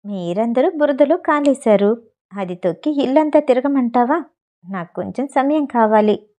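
A woman's voice: fairly high pitch, expressive, unhurried, mellow. A woman reading the part of a playful, teasing young woman in a storybook.

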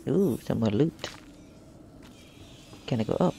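A man giving casual let's-play commentary, grumbling and joking at the game. His voice has a gravelly fry at a middle pitch. Faint noise sits behind him. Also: animated, takes it slowly, mellow. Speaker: gamer.

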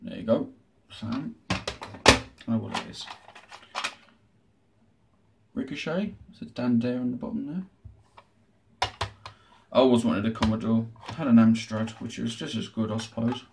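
A man's voice: medium pitch, unhurried, creaky, pauses often. A man hosting a retro gaming video, chatting casually through an unboxing with dry, sarcastic asides from a small room at home. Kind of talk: casual show-and-tell unboxing. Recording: noticeable background noise.

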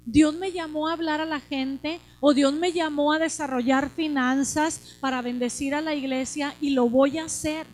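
High-voiced woman preaching. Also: fairly even intonation, moderate pace, hardly any pauses. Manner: urgent, repeats exhortations, acts out quoted voices. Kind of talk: sermon.

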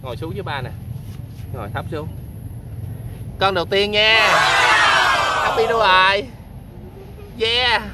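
A man's voice: sits high, animated, very noisy. A man with a Southern Vietnamese accent, a father chatting casually outdoors at a canal as he films a family fishing vlog and coaxes his child along. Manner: chatty, coaxing his child along, quick repeated words.

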